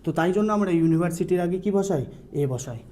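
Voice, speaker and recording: A man's voice: high-pitched, lively intonation, quick pace, mellow. A man teaching an online grammar lesson in a Bengali accent. He often repeats key sounds and puts questions to the students before answering them himself.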